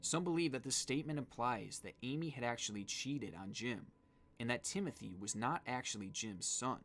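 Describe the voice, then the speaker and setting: A man's voice: medium pitch, expressive, normal speed, fairly bright tone. A man giving scripted narration in the style of a true-crime video.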